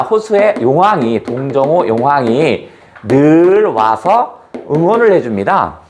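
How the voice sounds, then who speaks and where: A male teacher retelling a classic tale in class, quizzing his students as he goes. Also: on the high side. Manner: animated, quizzes students with questions. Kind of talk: storytelling lesson.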